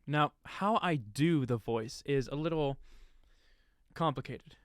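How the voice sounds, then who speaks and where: A man's voice: mid-range voice, takes it slowly, no room sound, clean studio sound. A man giving a casual step-by-step tutorial on voice effects, explaining settings plainly with fillers and restarts.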